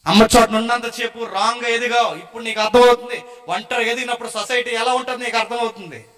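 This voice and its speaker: A man preaching a sermon dramatically, swinging between loud urging and hushed, emotional retellings. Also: very high voice, steady tone, fast. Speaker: pastor.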